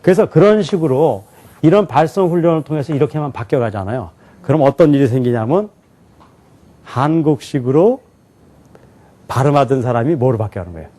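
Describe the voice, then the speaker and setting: A man's voice: medium pitch, lively intonation, warm tone. Korean man lecturing, quizzing his class. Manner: asks questions then answers them himself; demonstrates pronunciation slowly and syllable by syllable. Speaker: teacher. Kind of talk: televised lecture.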